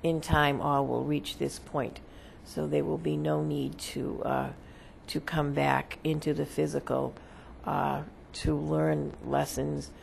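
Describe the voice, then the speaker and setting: A seance medium delivering a solemn spiritual message as a channeled spirit, in a creaky voice with halting, deliberate, formal phrasing. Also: mid-range voice, a little hiss or hum.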